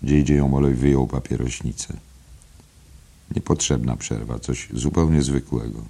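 A man reading a literary novel aloud in a slow, measured, low murmur. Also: steady tone, vocal fry, mellow, husky. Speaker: audiobook narrator. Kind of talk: literary audiobook narration.

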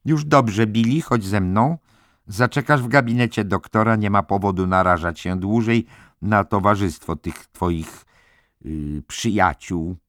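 A man's voice: on the low side, a little slow, a bit bright, no echo, studio quality, voice pushed up. A man voicing a stern, icy middle-aged head nurse who talks in a cold, falsely sweet way. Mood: cloying.

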